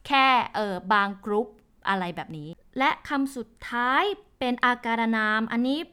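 A woman's voice: a little high, animated, normal speed, pushed and bright, smooth. A young woman hosting a podcast and explaining each point step by step in a chatty, casual way. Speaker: language podcast host. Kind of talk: casual spoken lesson.

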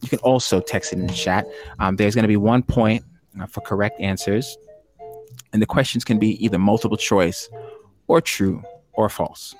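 A man's voice: on the low side, normal speed, faint music behind. A man hosting an online trivia game show for poets, chatty and jokey, laughing often.

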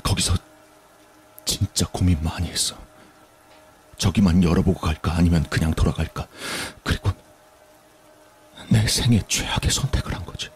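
A young man telling a spooky story in a radio drama, hushed and suspenseful, often dropping to a breathy half-whisper. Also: deep voice, normal speed, long pauses.

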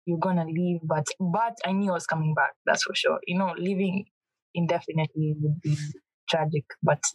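Young Kenyan woman, lively chatty guest. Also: fairly low pitch, a little fast, slightly rough, no echo, low-quality recording. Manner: animated, restarts often, laughs easily. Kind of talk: casual interview chat.

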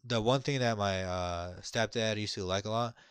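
A man in casual conversation, telling stories in a relaxed, rambling way with lots of fillers. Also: on the low side, normal speed, smooth, no echo, clean studio sound. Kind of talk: casual chat.

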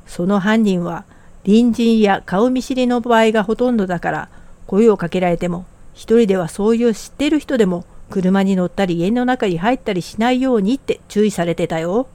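A woman's voice: mid-range voice, a little mellow, no room sound. Blunt casual woman on a podcast. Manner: blunt, casual plain speech. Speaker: podcast co-host.

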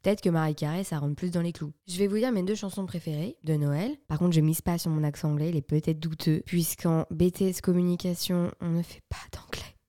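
Chatty young woman podcast host, low and mellow. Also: fairly even intonation, fairly quick, hardly any pauses, dry recording, studio quality. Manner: chatty, playful, self-mocking. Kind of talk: casual chat.

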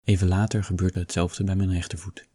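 A man reading a first-person novel aloud in a calm, steady storytelling manner. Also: low voice, brisk, slightly rough, no echo, studio quality. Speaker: audiobook reader.

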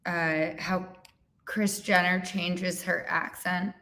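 A woman guest on a podcast, chatting casually and acting out quotes in an animated way. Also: lowish voice, takes it slowly. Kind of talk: casual chat.

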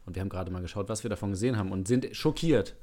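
Ein Mann als Co-Moderator eines Podcasts, der locker, witzelnd und improvisiert plaudert. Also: male voice, lowish voice, rapid-fire, mellow. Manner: joking, rambling, improvised. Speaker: podcast co-host. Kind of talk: casual comedic chat.

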